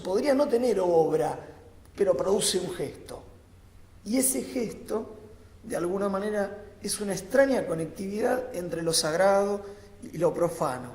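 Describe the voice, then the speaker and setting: An academic man on a panel improvises a philosophical talk, speaking deliberately and emphatically in short bursts separated by pauses. His voice sits high with a darkish tone. The large conference room is reverberant, giving a long echo.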